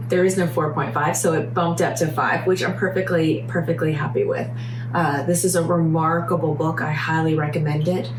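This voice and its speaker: A woman with a scratchy voice from being sick, chatting casually about books as a reviewer, enthusiastic and searching for words with emphatic repeats. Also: fairly low pitch. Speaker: book reviewer and vlog host. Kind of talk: casual book review chat. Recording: roomy echo, clear background noise, hum.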